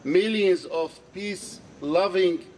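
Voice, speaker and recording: A middle-aged man from Syria speaks at an outdoor rally in a fairly high voice. He is earnest and measured and hammers home key phrases by repeating them. The mic sits a little way off, with faint noise from the open square. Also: darkish tone, recorded from a distance. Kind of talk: public speech at a protest. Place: outdoor square under trees. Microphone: handheld mic on a stand.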